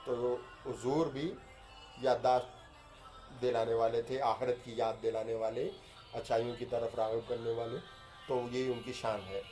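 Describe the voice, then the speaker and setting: A man's voice: medium pitch, little pitch movement, warm tone, faint music behind. A man teaching an Arabic grammar lesson, reading each phrase aloud and then explaining and repeating it. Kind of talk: lesson explaining a text line by line.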